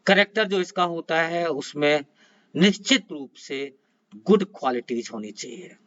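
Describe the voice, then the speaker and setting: A man's voice: a little high, a bit bright. A man teaching an exam-prep lecture, switching between Hindi and English, with many hesitations and self-corrections. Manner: mixes Hindi and English, frequent hesitations and restarts. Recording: dull lo-fi sound.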